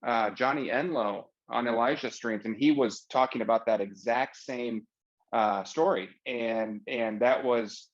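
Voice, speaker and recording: A man's voice: medium pitch, measured pace, muffled recording. A man hosting an interview on a video call, affirming his guest and using many fillers. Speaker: interviewer host. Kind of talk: casual interview chat.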